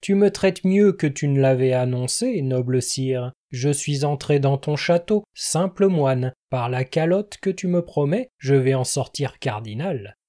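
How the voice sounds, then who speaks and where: A man's voice: mid-range voice, lively intonation, a little slow, few pauses, mellow, lightly acted. A man reading an audiobook, voicing a witty male jester who answers with playful mockery. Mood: cheeky. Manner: playful, mocking.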